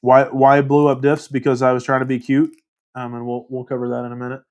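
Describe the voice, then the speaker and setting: A man's voice: medium pitch, monotone, a little fast, a little mellow, highs cut off. Rambling, laughing man hosting a livestream. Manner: rambling, self-deprecating, laughs often. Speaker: livestream host. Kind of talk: casual livestream chat reading comments.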